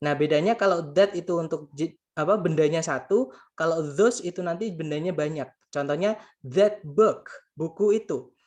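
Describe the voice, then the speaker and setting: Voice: medium pitch, moderate pace, darkish tone. A grammar tutor giving a casual spoken lesson, patiently repeating points and translating each example while addressing the listeners as friends.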